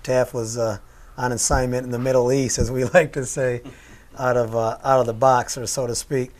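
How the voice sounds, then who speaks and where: A man hosts a local community TV talk show, introducing his crew in a loose, easygoing way that rambles and is full of fillers. His voice is mid-range, with a level tone and normal speed.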